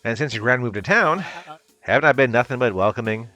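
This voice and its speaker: A man voicing a scheming, smooth-talking older townsman in a folksy, coaxing manner while reading a story game aloud. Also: medium pitch, expressive, a little fast, sharp tone, soft background music.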